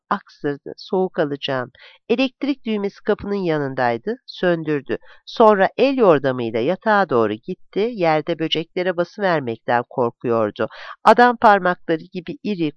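An audiobook narrator giving an expressive, dramatic reading of a literary novel. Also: mid-range voice, dry recording. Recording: dull, lo-fi dry recording.

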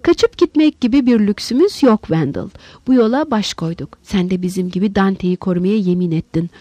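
Woman playing loud hot-headed professor, indignant, dry close sound. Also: mid-range voice, expressive, fairly quick, no echo, lightly acted. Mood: insistent.

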